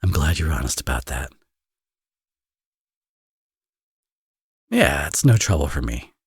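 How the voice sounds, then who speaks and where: In an intimate romance audio roleplay, a man plays a flirtatious villain who is also a doting father, speaking in a rumbling low, sing-song voice with a breathy edge at a fairly quick clip. His exaggerated delivery drips with smug, playful, sarcastic teasing. The studio-quality recording has no room sound.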